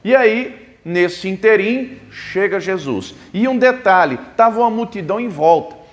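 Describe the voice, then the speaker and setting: A man's voice: sits high, lively intonation, unhurried. A man preaching a sermon as a pastor, explaining the Bible with rhetorical questions at a church service. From Brazil.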